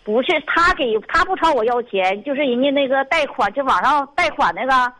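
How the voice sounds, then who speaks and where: Middle-aged woman caller with a Northeastern accent, exasperated, sighs a lot, talks fast and rambling. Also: sits high, lively intonation, sharp tone, rough recording. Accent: Northeastern Mandarin. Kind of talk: call-in conversation.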